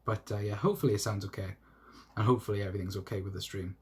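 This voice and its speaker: On his phone, a young man with a South Welsh accent hosts a loose football live stream, reading comments and rambling with frequent restarts and laughs. His voice is fairly low, steady in tone and slightly rough, captured by a phone mic.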